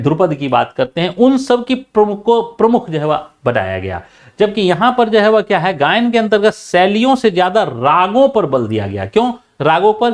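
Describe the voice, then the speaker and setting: Lively Hindi-speaking male music lecturer. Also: sits high. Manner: frequent filler phrase, repeated restarts; demonstrates loud and soft speaking. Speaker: teacher. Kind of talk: explanatory lecture.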